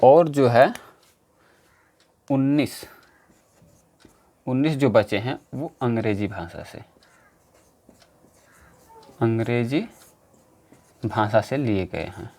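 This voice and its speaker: A man teaching a grammar lesson for exam preparation, slowly, repeating key terms and explaining step by step. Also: medium pitch, mellow. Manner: slow, repetitive, explaining step by step.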